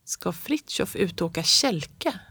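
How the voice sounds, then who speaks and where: A woman's voice: medium pitch, a bit bright, no room sound, lightly acted. A woman reading the part of a curious, easily hurt young boy who asks many questions. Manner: eager questioning.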